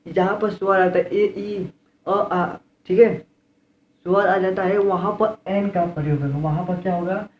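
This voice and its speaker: A man's voice: sits high, fairly even intonation, a little slow. A man with an Indian accent teaching English grammar in a classroom style. He repeats key words and keeps asking rhetorical questions. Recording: roomy, dull lo-fi with faint room noise.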